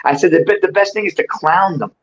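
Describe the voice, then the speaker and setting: A man's voice: sits high, fast. A man in his sixties chatting casually and off the cuff, swearing freely and peppering his streetwise talk with bro, dude and man. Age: 60s. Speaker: guest in a livestream chat. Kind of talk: casual unscripted chat. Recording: dull lo-fi stream audio, clear background noise.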